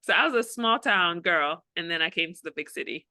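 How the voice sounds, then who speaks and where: A young woman from Ghana, an interview guest who talks openly and tells her story with lively quoted asides. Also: on the low side, brisk, dry recording. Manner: open, storytelling, animated quoting. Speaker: interview guest, creative director. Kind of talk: casual interview chat.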